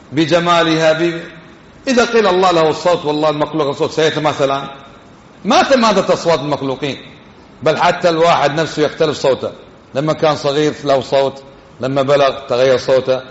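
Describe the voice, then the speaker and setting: A man giving a religious lesson, talking quickly and conversationally and putting questions to his listeners. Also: fairly high pitch. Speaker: religious teacher. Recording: dull, echoey hall.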